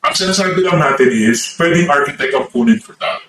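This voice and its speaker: A man's voice: fairly high pitch, fast, noisy background. Filipino guy teaching a class, keeps saying okay?, mixes english and tagalog, roomy echo. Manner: conversational, often checks in with "okay?"; switches between English and Tagalog. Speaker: architecture lecturer. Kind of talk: explanatory lecture. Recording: echoey room, mic at a distance.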